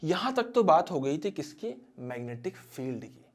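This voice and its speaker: Man, physics teacher, dramatic storytelling, slightly raised pitch. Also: moderate pace. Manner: animated, dramatic storyteller who addresses students directly.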